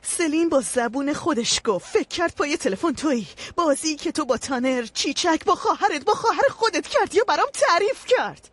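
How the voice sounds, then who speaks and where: A stern, indignant accuser. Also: female voice, sits high, expressive, hardly any pauses, fairly bright tone, no echo. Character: accusing woman exposing a scheming sister. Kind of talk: Persian dub of a TV drama.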